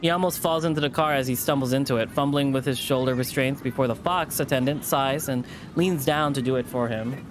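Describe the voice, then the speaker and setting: A man's voice: mid-range voice, brisk, hardly any pauses, background noise. A man reading a visual novel aloud with chatty asides, sometimes stumbling and rereading a line. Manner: stumbles over words and rereads lines.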